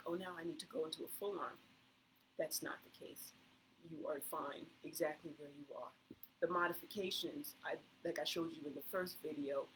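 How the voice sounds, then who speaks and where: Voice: medium pitch, a little hiss or hum, poor audio. Chatty, encouraging plank-workout instructor. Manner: chatty, talks through each move step by step; encouraging, reassuring. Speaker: fitness instructor.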